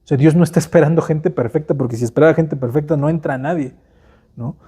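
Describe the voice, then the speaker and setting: A man's voice: a little high, quick pace, dark tone, slightly rough. A man with a Mexican Spanish accent preaching a sermon in a conversational, casual way, often tagging questions onto his sentences. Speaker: pastor.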